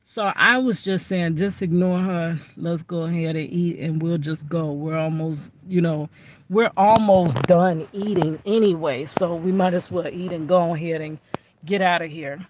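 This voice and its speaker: A woman's voice: fairly low pitch, fairly even intonation, measured pace, noisy background. A woman chatting animatedly to camera from inside her car, telling a story with lots of asides. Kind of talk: casual storytime.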